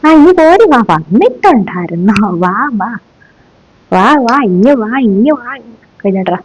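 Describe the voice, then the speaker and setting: A woman's voice: mid-range voice, animated, a little slow, a little mellow, breathy edge. A woman in a comic sketch playing a stern, sarcastic middle-aged female schoolteacher, who scolds her class with mocking rhetorical questions. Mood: scolding. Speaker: sketch comedian. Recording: dull dry lo-fi recording.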